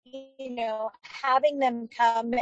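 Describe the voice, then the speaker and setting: A woman committee member speaking over a video call whose connection keeps breaking up, so her words cut out and the endings are clipped off. She talks haltingly, with many restarts. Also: on the high side, steady tone, muffled recording, faint music behind. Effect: choppy connection, words cutting out and endings clipped off. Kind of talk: remote board meeting discussion.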